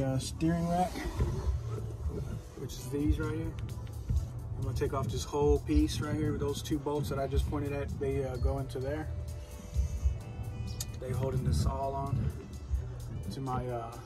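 A man's voice: medium pitch, little pitch movement, a little slow, long pauses, loud music behind the voice. A man in his twenties chatting casually to camera in a slangy, sweary way while lying under a truck. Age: 20s. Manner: swaggering, slangy, heavy swearing. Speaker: DIY car repair vlogger. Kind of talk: casual vlog chat to camera. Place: under a truck at a home garage.

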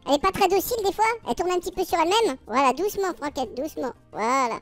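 Guy doing a squeaky cartoon frog, super high voice, teasing and joking around on a video call. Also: expressive, very fast, fairly bright tone, soft background music, full character voice. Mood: playful. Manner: playful, teasing, chatty banter. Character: cheeky male cartoon frog on a tropical beach. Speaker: YouTuber trolling strangers on video chat. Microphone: video-call mic.

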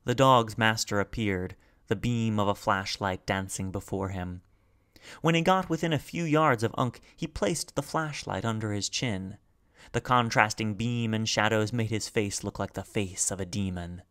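A man reading a novel aloud as an audiobook narrator, measured and expressive. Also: fairly low pitch, clear, resonant tone. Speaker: audiobook reader. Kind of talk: scripted narration.

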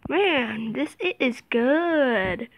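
A woman giving excited game commentary, dropping to whispers and jumping to shrieks. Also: high voice, very slow, slight background noise, poor audio. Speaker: gaming video host.

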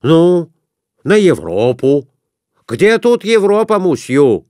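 A man voicing a boisterous, stubborn provincial merchant who shouts in a folksy way. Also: mid-range voice, sing-song, a little slow, no room sound, studio quality, voice pushed up. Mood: rowdy.

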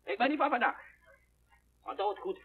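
Defiant grumbling vendor, high voice, lively pitch, muffled old film sound. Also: male voice, a little fast, breathy edge, exaggerated voice. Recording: dull 1970s film soundtrack.

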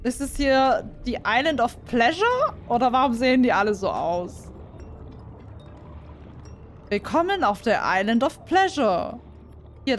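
A chatty, excitable woman commentates her gameplay and keeps turning to her viewers. Her voice sits a little high, and soft game music plays underneath. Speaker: gaming YouTuber. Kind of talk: casual let's play commentary.

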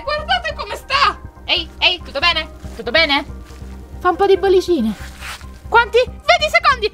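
A woman hosting a playful pool challenge vlog, fussing and counting out loud beside a swimming pool. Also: very high-pitched. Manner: fussy, excitable, counting out loud. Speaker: vlog host.

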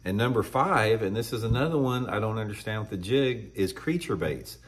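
A man in his fifties hosting a fishing channel, talking casually to camera indoors. He is blunt and opinionated and clears his throat often. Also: fairly low pitch, animated, moderate pace. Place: indoor room with shelves of tackle.

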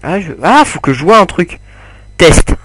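A man's voice: high-pitched, expressive, measured pace, a bit bright, breathy edge, no echo. A young man giving casual, rambling commentary over his gameplay, full of fillers and asides to viewers. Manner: rambling, many fillers, chats to viewers while playing. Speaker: gamer commentating his play.

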